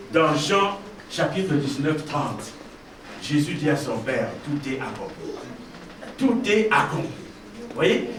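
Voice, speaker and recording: In a church hall, a male pastor delivers a sermon in a high, lively voice with wide swings, hammering home his points by repeating key phrases and speaking straight to the congregation. The audio is very echoey, captured from a distance with faint hiss.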